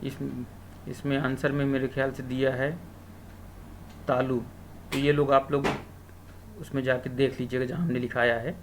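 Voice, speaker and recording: A man's voice: mid-range voice, flat delivery, slight background noise. A man teaching an exam-prep lesson, asking questions aloud and answering them himself, sometimes drawing out sounds. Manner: asks questions then answers them himself, drawn-out syllables.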